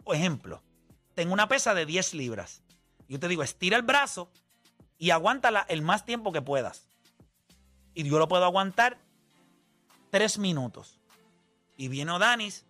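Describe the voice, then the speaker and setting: A man with a high, bright voice hosts a sports talk chat, laying out his argument through everyday examples. He talks in a lively, persuasive way, with soft music playing behind him. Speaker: sports talk show host.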